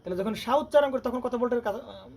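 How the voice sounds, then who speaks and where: A man's voice: extremely high pitch, a little mellow. A man teaching electronics, constantly firing questions at his students. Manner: rapid, keeps quizzing students with rhetorical questions. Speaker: electronics tutor. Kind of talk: classroom lecture with questions. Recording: faint background noise.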